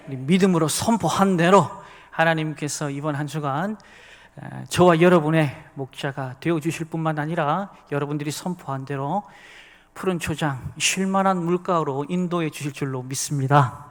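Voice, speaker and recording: A man, an associate pastor giving a sermon in a church sanctuary, who talks chattily and speaks directly to the congregation. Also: a little high. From Busan, South Korea. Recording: long reverb of a large hall.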